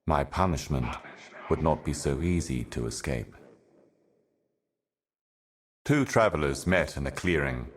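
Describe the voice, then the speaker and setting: Voicing a video game character, a man plays an ancient cosmic envoy in an extremely deep, bottomless register. He speaks slowly and gravely, like a prophet reciting cryptic scripture in a dark fantasy game, with lively intonation and a solemn, ominous weight on every phrase. Slight background noise is audible.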